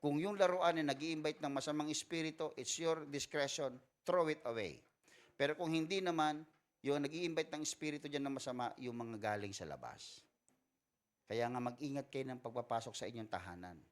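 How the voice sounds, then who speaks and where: Filipino pastor joking through a sermon. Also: male voice, a little high, normal speed. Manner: joking, mixes Tagalog with English. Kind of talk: Sunday school sermon with Q&A. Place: church hall.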